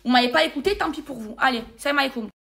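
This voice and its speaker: A social media personality with a high voice rants to her followers in an irritated, emphatic rush, speaking straight into a phone held close for a casual vlog. She repeats words and swears to drive each point home, her delivery racing and gravelly with a fairly bright tone.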